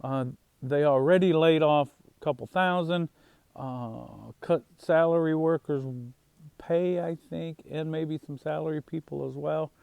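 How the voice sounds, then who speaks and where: Easygoing farm vlogger, slightly high. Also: male voice, fairly even intonation, gravelly, darkish tone, clear, resonant tone, no echo. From Northwest Indiana, USA. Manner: unhurried, halting, many fillers and restarts. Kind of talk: casual rambling monologue.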